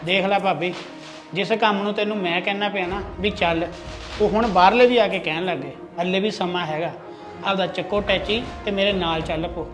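A man's voice: high voice, fairly even intonation, moderate pace, music in the background, lightly acted. A man playing a loyal, protective younger brother-in-law in a family drama, earnest and lecturing. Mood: stern, threatening. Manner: earnest, lecturing, threatening when angered.

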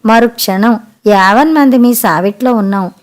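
A woman narrates a family story for an audiobook. Her reading is expressive and measured. Her voice sits somewhat high.

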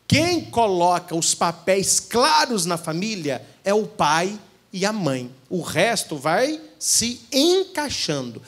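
Brazilian priest telling funny stories to couples, high voice that jumps all over, acts out the people in them. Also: male voice. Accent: Brazilian Portuguese. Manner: animated storytelling, acting out what people said. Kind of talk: humorous talk at a couples' retreat. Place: church event hall.

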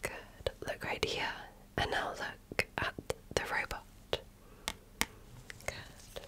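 An ASMR roleplay features a woman as a medical examiner, her whisper breathy and gentle. She moves deliberately and patiently through this soft-spoken personal-attention session.

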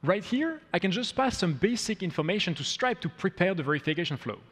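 A man in his thirties talks an audience through a live coding demo, upbeat and step by step. His voice sits a little high. The sound carries the long reverb of a big conference hall. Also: very animated, fairly quick, a bit bright. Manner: upbeat, walks through steps as he goes. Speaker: product demo presenter. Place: large conference hall, on stage.

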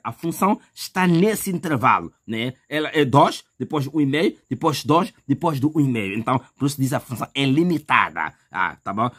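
A man's voice: mid-range voice, very animated, moderate pace, hardly any pauses, a bit bright, husky. A male math teacher talking viewers through an exam step by step, chatty and repetitive, calling the listener brother. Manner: chatty, addresses viewer as "meu irmão"; repetitive, thinks aloud with fillers. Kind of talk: math lesson walkthrough.

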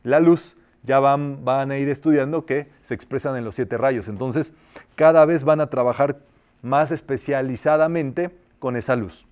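A man teaching a metaphysics class, urging listeners on in a colloquial way and slowly intoning spoken decrees. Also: medium pitch, a little mellow, clear, resonant tone, muffled recording. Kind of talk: spiritual class leading group decrees.

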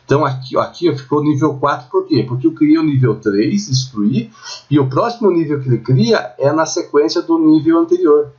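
Brazilian guy doing a chatty software tutorial, keeps asking if you got it, muffled lo-fi screen recording sound. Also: on the high side, expressive, moderate pace. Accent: Brazilian Portuguese. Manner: chatty, checks in with the viewer constantly. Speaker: architecture software instructor.

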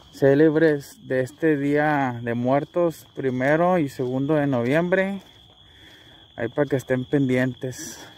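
A man's voice: mid-range voice, a little mellow. A Mexican man speaking casually as he hosts a night exploration vlog outdoors. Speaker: vlog host. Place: outdoors at night in the countryside and a cemetery. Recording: noisy outdoor night recording with insects. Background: crickets and night ambience.

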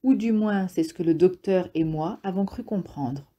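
A woman voicing a calm, patient man in an audiobook reading, gently ironic and probing. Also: on the low side, normal speed, highs cut off, natural voice.

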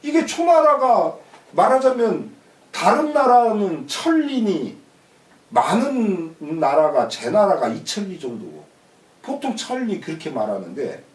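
A man's voice: high voice, huge pitch swings, unhurried. A man teaching a classical Chinese text, glossing each phrase and then restating it in plain everyday speech. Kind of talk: explaining a classical text line by line. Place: room in a rural community shelter. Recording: echoey room, mic far off.

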